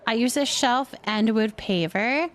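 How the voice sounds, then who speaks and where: Her voice sits on the high side, and she speaks at a measured pace. As host of a game livestream, the woman chats casually while playing a building game, thinking aloud and reacting to those watching.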